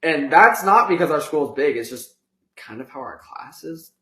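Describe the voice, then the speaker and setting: A man's voice: a little high, animated, normal speed, pushed and bright, reverberant. A teenage boy co-hosting a podcast, laid-back with short, stubborn replies in casual chat. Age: teens. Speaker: podcast co-host.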